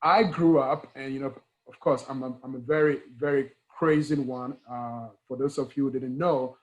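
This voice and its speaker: The highs are cut off in this clip of a Ghanaian guest speaker, an engineering educator with a Ghanaian accent. His medium-pitched voice is steady and moderately paced as he talks earnestly in a conversational interview, stressing points by repeating key words and asking rhetorical questions.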